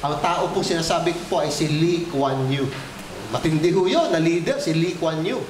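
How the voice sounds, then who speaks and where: Man, Filipino accent, pastor, lively sermon, high voice, calls on congregation by name. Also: normal speed, slight background noise, rough recording. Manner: calls on congregation members by name, jokes, asks questions; polite Tagalog with frequent po and ho. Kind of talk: interactive Sunday sermon.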